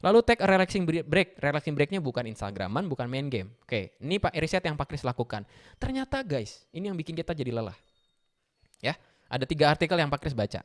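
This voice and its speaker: A man, giving a lively motivational talk to students, often asking them questions and mixing in English phrases. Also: fairly high pitch, fast. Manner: animated, mixes English phrases, asks the audience questions. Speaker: guest speaker for school students.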